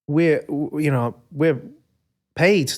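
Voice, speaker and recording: A man's voice: a little high, slow pace. A man co-hosting a podcast, talking reflectively about change and teasing his co-host. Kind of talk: casual chat.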